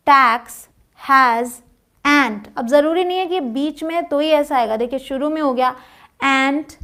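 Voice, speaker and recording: ऊँची आवाज़ वाली भारतीय शिक्षिका. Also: female voice, sits high. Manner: patient, spells words letter by letter. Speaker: spoken English teacher. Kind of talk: explaining phonics lesson.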